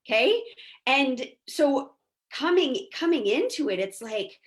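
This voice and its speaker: Female podcast guest, mindset coach; lively, talkative storyteller with a slightly high voice. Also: slow pace. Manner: chatty, animated storyteller, peppers speech with "like" and "right?". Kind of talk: casual podcast conversation.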